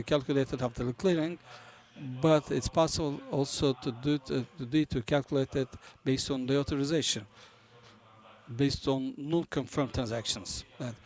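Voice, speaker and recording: A man who is not a native English speaker gives a business conference presentation, halting as he searches for words. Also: mid-range voice, darkish tone. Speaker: conference presenter for a banking software company.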